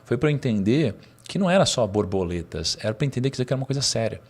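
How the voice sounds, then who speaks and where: A man with a Brazilian Portuguese accent, a podcast guest telling a personal story in casual conversation. He is animated and uses slang, with bursts of laughter. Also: mid-range voice, racing.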